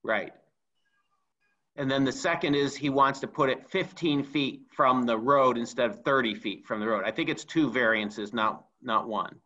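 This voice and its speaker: A man's voice: mid-range voice, moderate pace, bright, forceful tone, highs cut off. A man chairing a town zoning board meeting over a video call, restating points with some repetition. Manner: repeats and restates points carefully.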